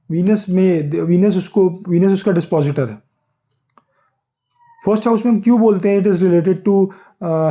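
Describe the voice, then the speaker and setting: A man's voice: high voice, mellow. A man giving a casual explanatory lesson on astrology, switching between Hindi and English and often checking in with listeners. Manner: conversational, repeats "ठीक है", many fillers and self-corrections. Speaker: astrology teacher.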